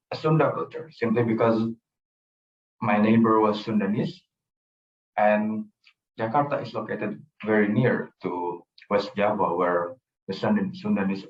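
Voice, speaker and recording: A young man gives a student presentation about his own life in a slightly low voice. He talks earnestly and circles back to the same phrases. The sound is dull and roomy, as if the mic sat well away from him. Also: far from the mic, a little hiss or hum. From Indonesia. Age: young adult. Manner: earnest, storytelling, repeats phrases. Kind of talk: personal presentation talk.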